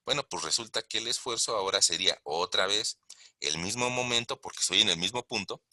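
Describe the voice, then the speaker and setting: A man's voice: fairly low pitch, brisk, bright, forceful tone, dry recording, studio quality. A man giving a recorded online engineering lesson, explaining step by step and asking the class questions. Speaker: engineering lecturer. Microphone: close mic while writing on a tablet.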